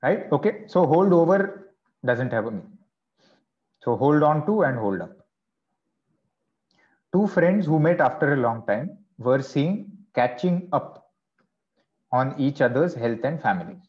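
A man's voice: medium pitch, sing-song. Man teaching an online class, lo-fi sound. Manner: explains slowly, checks in with "okay" and "right". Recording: dull lo-fi online class audio.

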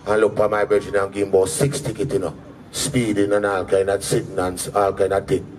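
On a live comedy stage before an audience, a man with a Jamaican accent tells patois stories and voices the people in them. He speaks briskly in a lowish, darkish voice with a level tone. Faint crowd and room noise come through the distant mic.

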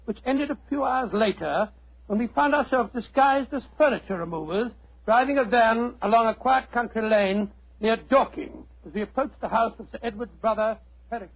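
An actor playing an earnest, blustery doctor and loyal sidekick with a British accent and husky voice, in 1940s radio style. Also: male voice, very high voice, moderate pace, full character voice. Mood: earnest recounting. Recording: muffled old radio recording.

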